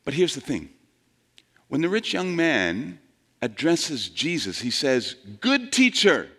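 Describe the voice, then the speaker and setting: A male pastor delivering a sermon with a lively, swooping pitch. He talks conversationally, asks the congregation questions, and plays out the quoted voices with big jumps up and down. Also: slow, slightly rough.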